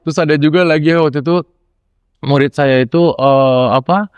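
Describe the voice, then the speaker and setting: Lively storytelling man, smooth voice. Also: moderate pace, no room sound. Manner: animated, acts out quotes with rising pitch. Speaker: lecturer and podcast guest. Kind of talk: casual storytelling chat.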